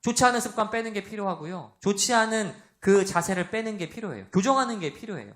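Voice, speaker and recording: A man preaching a sermon to young adults, with a loud voice, asking the congregation questions and acting out the voices he quotes. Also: high voice, lively intonation, quick pace. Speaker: pastor.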